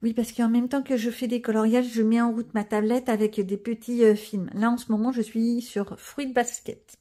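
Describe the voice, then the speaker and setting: A middle-aged woman vlogs from home while coloring, rambling casually and tossing in self-mocking asides. Her voice is mellow and a little high, with little pitch movement and a moderate pace.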